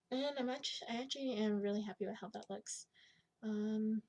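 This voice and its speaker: A young woman with a raspy smoker's voice giving a casual screen tutorial, thinking aloud in informal, slangy speech and often clearing her throat. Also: mid-range voice, steady tone, fairly quick, a little mellow, poor audio. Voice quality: husky smoker's rasp with gravelly creak. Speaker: digital art tutorial host.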